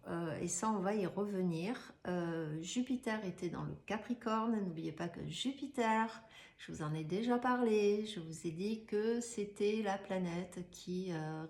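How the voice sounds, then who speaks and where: A woman's voice: medium pitch, a little mellow. A woman, an astrologer who explains in a chatty, casual way, with many fillers and rhetorical questions. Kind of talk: casual explanatory video talk. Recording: echoey room.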